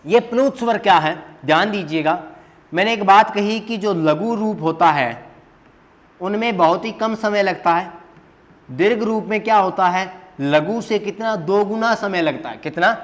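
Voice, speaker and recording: A man's voice: sits high, a little slow. A man teaching a grammar lesson at a whiteboard, asking questions and answering them himself, repeating the key terms.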